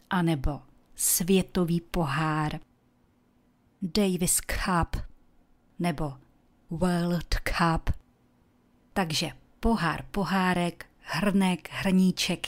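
A woman teaches English vocabulary in a calm, scripted lesson, and her voice sits a little low. She speaks in Czech and pronounces each English word slowly and deliberately, so her listeners can copy it. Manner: slow, careful demonstration of pronunciation.

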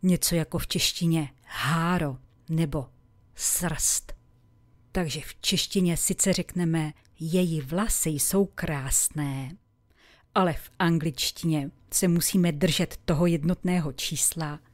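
Low-voiced woman teaching English. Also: dry recording. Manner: didactic, deliberate enunciation of examples. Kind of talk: scripted language lesson with slowly repeated example words.

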